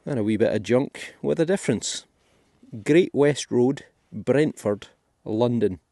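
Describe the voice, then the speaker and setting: A man's voice: mid-range voice, lively intonation, a little slow, gravelly, mellow, no echo, clean studio sound. A Scottish man giving chatty, thinking-aloud commentary as he digs finds in a field for his metal detecting vlog. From Scotland. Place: outdoors in a field.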